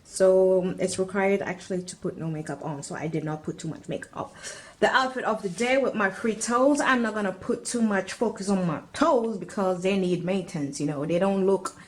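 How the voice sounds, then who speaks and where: Chatting casually to the camera, this young vlogger speaks at a moderate pace in a mid-range voice still heavy from the morning. She talks frankly, drops into French at times, and films on a handheld camera or phone at home, then outside.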